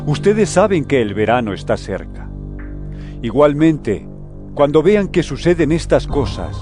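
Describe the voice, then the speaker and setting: A man playing Jesus as a solemn, deliberate teacher in a scripture audio drama. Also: fairly high pitch, dark tone, no echo, clean studio sound. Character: Jesus, solemn adult male teacher warning and instructing disciples.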